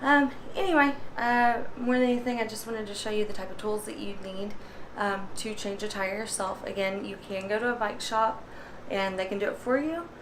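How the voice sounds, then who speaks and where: A woman's voice: medium pitch, fairly even intonation, slight background noise. Winded woman chatting through a how-to. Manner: chatty, many ums, pauses while pumping. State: out of breath. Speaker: vlogger. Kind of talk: casual how-to demonstration.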